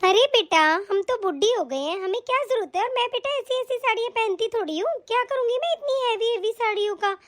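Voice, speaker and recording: A woman playing a gentle, humble old aunt. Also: very high voice, lively intonation, a little fast, few pauses. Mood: modest. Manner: soft, modest, affectionate. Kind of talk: animated story voice acting.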